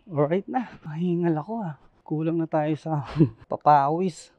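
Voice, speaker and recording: A man from the Philippines, a delivery rider, vlogs casually from the streets in a highish voice, speaking a little slowly; the recording is dry and lo-fi. He chats and laughs a lot, tags his sentences with questions, and makes joking, apologetic asides.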